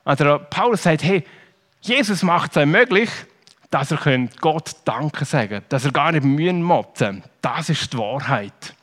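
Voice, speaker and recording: A man speaking, his voice sitting somewhat high. He gives a children's sermon as a lively storyteller. He keeps turning questions back to his young listeners. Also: measured pace. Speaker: preacher.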